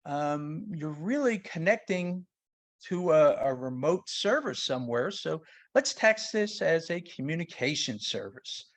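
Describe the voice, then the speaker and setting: A sales tax consultant from New York gives an informal, explanatory webinar talk, speaking in a conversational, plain-spoken way and drawing on everyday examples. His New York-accented voice is fairly high, swings widely in pitch, and takes its time.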